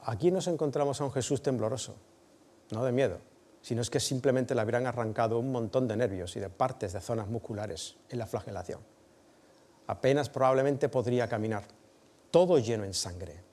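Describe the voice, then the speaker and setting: Expressive preacher. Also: male voice, mid-range voice, a little fast. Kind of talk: dramatic storytelling sermon.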